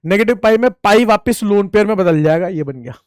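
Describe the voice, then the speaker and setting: A man lectures on chemistry a little fast, his high voice expressive and his manner chatty and teasing toward students he treats as friends. The informal lesson is full of jokes, repeated key points, and self-answered questions. The recording is dry and studio-clean.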